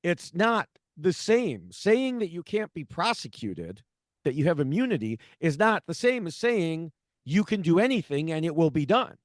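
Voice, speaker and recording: Sarcastic man with a lively voice. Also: on the high side, normal speed, dry recording, studio quality. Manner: sarcastic, exasperated, many fillers. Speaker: podcast co-host. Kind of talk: casual political chat.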